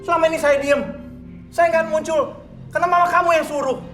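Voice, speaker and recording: An actor playing a menacing, domineering villainous father who bullies and shouts orders in a TV drama. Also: very high-pitched, steady tone, brisk, roomy sound, faint music behind. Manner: harsh, bullying, shouts orders. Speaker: scheming father.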